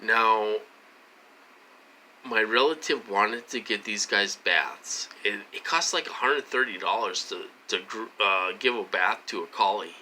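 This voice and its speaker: A man's voice: lowish voice, a little slow, bright, forceful tone, slight background noise, poor audio. A man vlogging in a casual, rambling monologue while having a drink, repeating himself and asking "okay?" as he goes.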